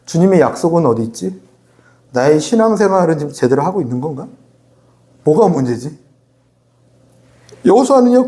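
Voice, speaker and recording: A male pastor delivering a sermon, lively and chatty, acting out quotes and laughing at his own asides. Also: a little high. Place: church sanctuary.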